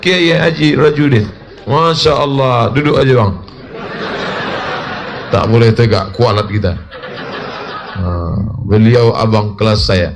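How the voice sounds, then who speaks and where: A man preaching a lively, humorous sermon at a public gathering. He teases the listeners, asks them to agree, and shouts out his punchlines. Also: on the high side. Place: public religious gathering with officials.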